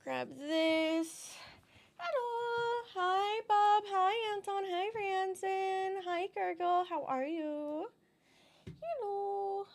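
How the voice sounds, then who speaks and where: A woman streaming live, chatting casually, greeting viewers and squealing excitedly over subscriptions. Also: very high voice, drawn-out words, slight background noise. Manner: bubbly, greets chatters, gasps and squeals at subs.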